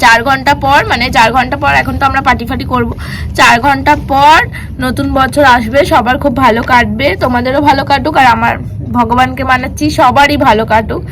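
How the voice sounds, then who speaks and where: A young woman, her voice hoarse from a cold, chatting casually to viewers in a vlog. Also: high voice, steady tone, brisk, a bit bright, a little hiss or hum, low-quality recording. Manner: chatty, addresses viewers directly. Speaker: vlogger. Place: indoors and on a rooftop at night.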